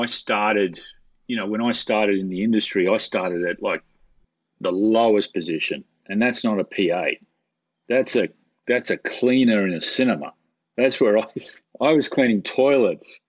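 A man's voice: fairly low pitch, animated, a little slow, dry recording. A middle-aged man, a camera operator, telling stories in a casual interview, rambling and repeating words with self-deprecating humor. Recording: dull, dry, lo-fi sound.

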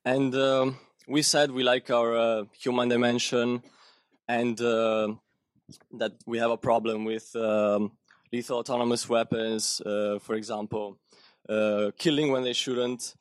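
Flat-voiced man from Italy asking. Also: medium pitch, unhurried, no echo, studio quality. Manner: hesitant, many ums. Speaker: audience member asking a question.

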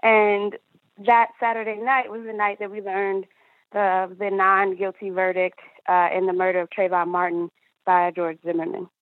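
Young woman, organizer giving a considered, halting interview answer, dry, phone-quality audio. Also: medium pitch, completely flat delivery, no room sound. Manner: halting, searching for words. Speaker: activist organizer and interview guest. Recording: narrow, tinny phone-like line.

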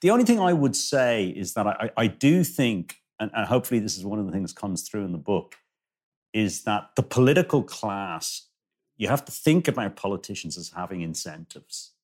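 Male discussion guest, lowish voice, emphatic delivery with repeated phrases and halting restarts. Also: sing-song, a little mellow. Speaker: guest author. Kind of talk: conversational discussion.

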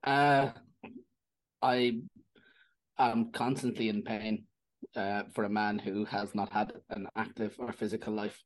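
A man, a comedian guest trading dry, deadpan jokes in casual chat. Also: on the low side, slow, pauses often, poor audio. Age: 30s.

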